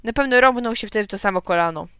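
A woman narrating a children's storybook in a lively, expressive way. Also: a little high, rapid-fire, clean tone, no room sound, studio quality. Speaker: audiobook narrator. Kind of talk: storybook reading.

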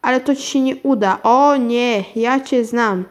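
A woman's voice: fairly high pitch, measured pace, natural voice. Woman reading as an urgent, protective taxi driver. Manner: urgent, agitated.

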